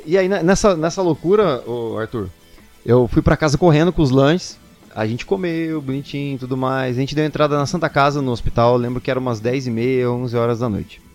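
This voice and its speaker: A man's voice: fairly high pitch, a little fast, soft background music. A young man, a singer telling a personal story casually and animatedly, acting out what people said. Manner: animated, quotes people in excited voices.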